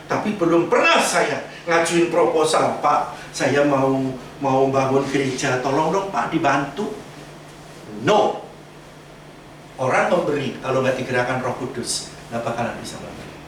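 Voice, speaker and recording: A man's voice: medium pitch, fairly bright tone, a little hiss or hum. A man preaching a sermon in a casual, chatty way, slipping into slang asides and acting out voices he quotes. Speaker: pastor. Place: church sanctuary. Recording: echoey church hall miked from a distance.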